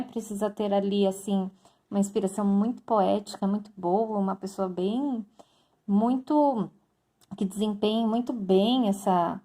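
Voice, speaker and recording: A woman's voice: medium pitch, a little mellow. A woman teacher giving a recorded lesson, explaining step by step and addressing her students directly. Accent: Brazilian Portuguese.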